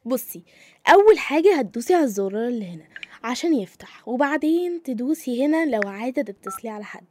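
An actress playing a coaxing young granddaughter with an Egyptian accent in a comedy sketch. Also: female voice, high-pitched, a little mellow, a little hiss or hum. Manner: coaxing, teasing, patient.

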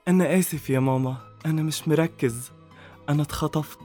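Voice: mid-range voice, fast, mellow, soft background music, lightly acted. A performer voicing a lovesick young man who speaks with an Egyptian Arabic accent in an overly romantic, sugary way.

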